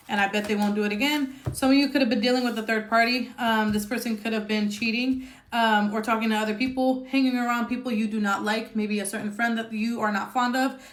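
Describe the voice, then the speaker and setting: High-voiced woman giving a blunt tarot reading. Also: echoey room. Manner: chatty, blunt, swears freely, keeps asking "okay?". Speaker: tarot reader.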